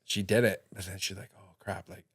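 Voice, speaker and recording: A man who owns a bakery, a podcast guest, telling stories in a relaxed, rambling way. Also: sits low, quick pace, slightly rough. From Ontario, Canada. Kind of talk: casual chat.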